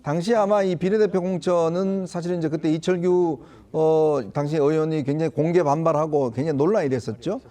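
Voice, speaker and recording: A man giving political analysis on a talk show, explaining at length in a measured way. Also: a little high, fairly even intonation, mellow. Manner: explanatory, measured, with small laughs. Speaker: political commentator.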